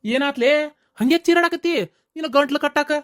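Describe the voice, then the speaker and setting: A woman with a North Karnataka Kannada accent voicing a calm, practical middle-aged village husband in a comedy skit. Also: high voice, a little fast, pitched below the performer's own voice, close to an everyday voice.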